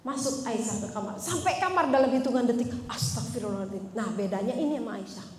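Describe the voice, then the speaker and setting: High-voiced woman preacher in echoey hall. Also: quick pace. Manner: lively storytelling, acting out voices. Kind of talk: casual religious talk to women. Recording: echoey hall with faint ambience.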